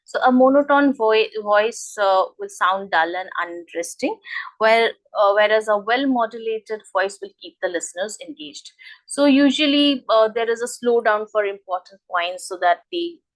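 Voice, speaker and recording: In a low-quality recording, a medium-pitched woman teaches as an English speaking coach. Her explanations come in a halting, demonstrative style, with emphasis on the key terms.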